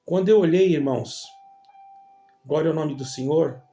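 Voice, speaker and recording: Over soft background music, a Brazilian church member recounts a religious personal testimony at a moderate pace, calling everyone brothers in a meandering way. His voice leans high, with a dark tone and a Brazilian Portuguese accent.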